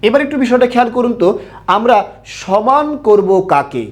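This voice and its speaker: A man's voice: very high-pitched, very animated, brisk. A young man teaching grammar in an online lesson, asking questions and answering them himself, repeating key points. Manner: repetitive, drilling.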